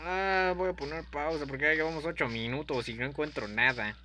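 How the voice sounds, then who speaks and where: Young man, slightly high and bright, jokey gaming commentary with sudden yells. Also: a little fast. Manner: playful, goofy, prone to sudden yells. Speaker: gaming youtuber. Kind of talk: let's-play commentary.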